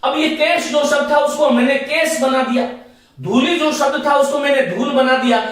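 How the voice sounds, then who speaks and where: A man's voice: very high voice, steady tone, moderate pace, fairly bright tone. A man teaching Hindi grammar in a classroom lecture, explaining step by step and repeating his points to the students. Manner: repetitive, explaining step by step and addressing students as friends. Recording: echoey room, voice from a distance.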